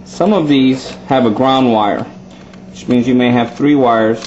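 A man teaches viewers a hands-on DIY wiring job one step at a time, speaking as a plumbing instructor in a methodical, slightly slow way. His medium-pitched voice is steady and somewhat dark. The recording is dull and lo-fi, with a faint noise underneath.

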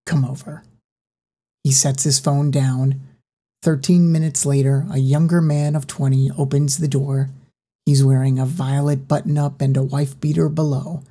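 A woman narrating a horror audiobook in an even, unhurried reading voice. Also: extremely low pitch, husky.

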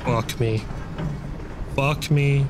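A man's voice: medium pitch, steady tone, extremely slow, over music. A young man doing nervous horror game commentary, muttering and swearing to himself like a scared streamer. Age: young adult. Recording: clearly noisy, game ambience behind.

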